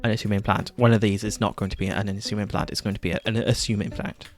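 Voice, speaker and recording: A man's voice: fairly low pitch, steady tone, rapid-fire, soft background music. A man streaming a game, chatting casually, laughing often and reading game text aloud. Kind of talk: casual gaming commentary.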